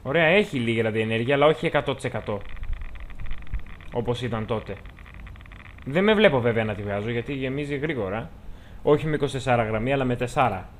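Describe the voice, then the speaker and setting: Speaking in a mid-range voice, this Greek-accented man is animated and pauses often, over a little hiss or hum. He gives jokey, chatty commentary on his game and addresses its characters directly.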